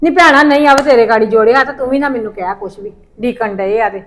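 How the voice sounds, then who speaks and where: High-voiced scolding middle-aged woman. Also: fast, a little hiss or hum. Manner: scolding, complaining rant. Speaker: mother-in-law in a family drama. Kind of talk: Punjabi family drama acting.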